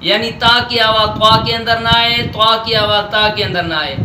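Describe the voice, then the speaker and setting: A man with a Pakistani Urdu accent teaching Quran letter pronunciation, drilling letters slowly and deliberately. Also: high voice, steady tone. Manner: slow, deliberate letter drills with stretched sounds. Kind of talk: Noorani Qaida pronunciation lesson. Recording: echoey room with faint noise.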